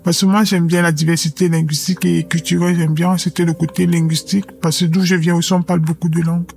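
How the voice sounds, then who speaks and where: A young woman from Cameroon, giving a measured, reflective personal testimony with hesitant pauses. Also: on the low side, little pitch movement, vocal fry, darkish tone, soft background music. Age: young adult. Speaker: anonymous witness.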